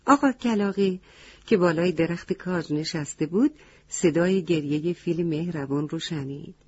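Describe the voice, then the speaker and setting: A woman's voice: on the low side, slightly rough, dull audio. A woman narrating a children's story, stopping to ask the listening children questions. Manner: addresses children directly with questions.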